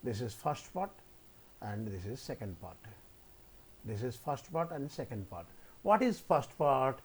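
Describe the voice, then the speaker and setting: A man's voice: fairly low pitch, very animated, unhurried, a little mellow, a little hiss or hum. A man giving a spoken tutorial as a lecturer, often repeating his phrases as he explains each step. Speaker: maths lecturer teaching software coding.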